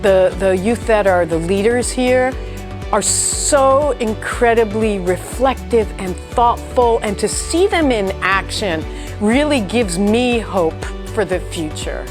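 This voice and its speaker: A woman's voice: mid-range voice, lively intonation, slow pace, music in the background. A woman speaking about a youth arts program as its leader, enthusiastic and emphatic. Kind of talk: documentary interview.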